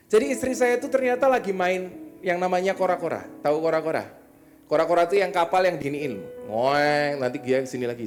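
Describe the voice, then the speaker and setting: A man preaching a sermon, telling a story with lively acted-out sounds and speaking straight to his congregation. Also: on the high side. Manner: warm direct appeals to the congregation. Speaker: pastor. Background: soft guitar playing.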